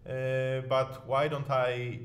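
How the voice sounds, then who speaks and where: A man's voice: medium pitch, flat delivery, takes it slowly. A man from Poland speaks, a guest in a casual interview. He often repeats a word as he starts a phrase.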